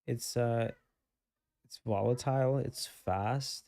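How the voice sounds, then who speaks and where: A man's voice: medium pitch, slow pace, mellow, dry recording. A man hosting a live trading stream from a desk microphone and webcam, thinking aloud about the market in an easygoing, chatty way. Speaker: livestream trading host. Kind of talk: casual live market commentary.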